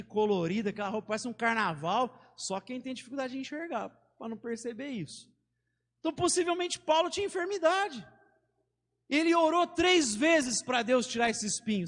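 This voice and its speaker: A man's voice: extremely high pitch, a bit bright, long reverb tail. A man with a Brazilian Portuguese accent preaching a sermon as pastor, talking in a conversational way with stories and casual slang. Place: church sanctuary.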